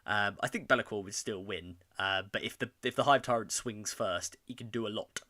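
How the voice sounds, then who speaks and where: A man chats his way through a hobby livestream in a bright, forward voice that sits a little low. He rambles and reads viewer comments aloud as he goes, like someone on a video call. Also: a little fast, dry recording, studio quality. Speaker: co-host. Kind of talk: casual hobby chat livestream.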